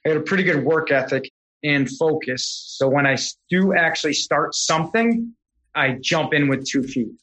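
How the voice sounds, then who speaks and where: Podcast guest, middle-aged man, lively stories, brightish slightly high voice. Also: normal speed, rough recording. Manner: animated, self-correcting storyteller. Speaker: podcast guest, real estate investor. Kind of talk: casual storytelling.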